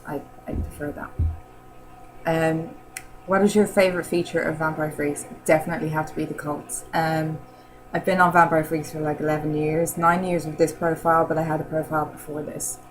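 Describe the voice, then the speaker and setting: A woman chatting casually in a rambling vlog, filling pauses with "um" and laughing often. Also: deep voice, level tone, music in the background, poor audio. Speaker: vlogger answering model-challenge questions. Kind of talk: casual chat.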